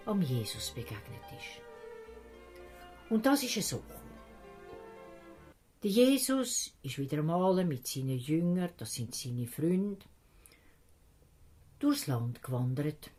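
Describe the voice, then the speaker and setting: Lively Swiss German woman telling a story. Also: low-pitched, slow pace, pauses often, faint music behind. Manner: lively, acts out the characters' voices. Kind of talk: children's Bible story narration.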